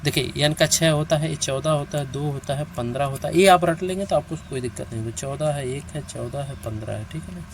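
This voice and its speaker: A man with a fairly high voice teaches reasoning online, working through each problem step by step. He counts items aloud and keeps asking whether the listener has understood. Faint traffic sounds can be heard behind him. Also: brisk, few pauses. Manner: counts out steps aloud, often checks in with the listener. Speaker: reasoning teacher for competitive exams.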